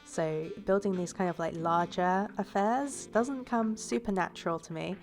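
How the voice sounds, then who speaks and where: With faint music playing underneath, a woman speaks in a mid-range voice at a moderate pace. Her nose is stuffed up from a cold, and as a YouTuber narrating her building video, she casually rambles, adds fillers and keeps correcting herself.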